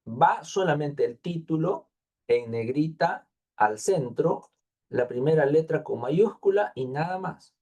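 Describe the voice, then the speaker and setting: A man's voice: on the high side, lively intonation, slow pace, darkish tone, highs cut off. A man, a thesis advisor taking students patiently through formatting details, repeating points and thinking aloud. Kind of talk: online class instruction.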